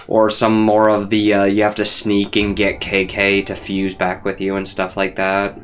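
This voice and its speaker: A man's voice: lowish voice, completely flat delivery, normal speed, a bit bright. A man giving casual let's play commentary, rambling and thinking aloud in loose asides. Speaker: gaming video host. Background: faint game music.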